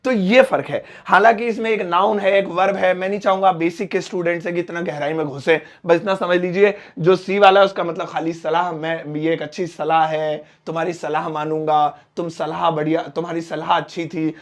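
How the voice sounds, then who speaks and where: A young man with an Indian accent teaching a spoken English lesson, saying example sentences slowly word by word. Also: fairly high pitch, steady tone.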